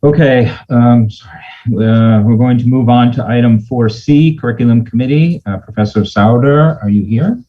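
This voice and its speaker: A man chairing an online meeting in an informal, hesitant and apologetic way, halting often, with muffled audio. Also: medium pitch. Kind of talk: informal procedural meeting talk. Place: remote video meeting.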